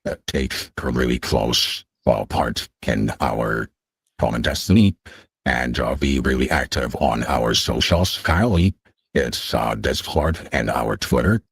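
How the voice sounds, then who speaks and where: A man's voice runs through a voice changer that drops it extremely deep, with a husky, breathy grain. He talks slowly and haltingly, with many filler sounds, as a guest in a casual online chat. The sound is dry and close. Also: no echo. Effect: voice changer shifting the voice very deep. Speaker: guest representing a project.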